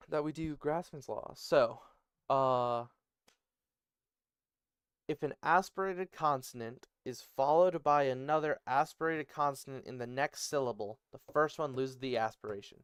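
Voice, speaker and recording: A man's voice: fairly high pitch, clear, resonant tone, dry recording, clean studio sound. A man thinking aloud as he works on an invented language, muttering and correcting himself. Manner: muttering, self-correcting, musing. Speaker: conlang creator. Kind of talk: thinking aloud while working.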